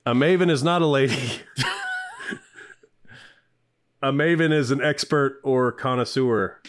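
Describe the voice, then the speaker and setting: A man's voice: mid-range voice, measured pace. Joking rambling man chatting about music. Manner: joking and rambling, swears, many fillers. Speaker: podcast co-host. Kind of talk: casual chat reviewing an album.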